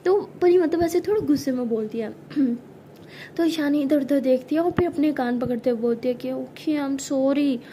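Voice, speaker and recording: A woman's voice: high-pitched, moderate pace, dark tone, slight background noise. A woman narrating a love story in a conversational, scene-by-scene way.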